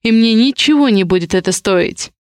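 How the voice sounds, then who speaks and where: A woman reading an audiobook voices a cold, arrogant duke who speaks sternly and with quiet menace. The delivery stays curt and controlled, in a smooth, clear voice. The recording is close and dry. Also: fairly high pitch, expressive, normal speed, dry recording, natural voice. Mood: menacing. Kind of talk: audiobook character voice.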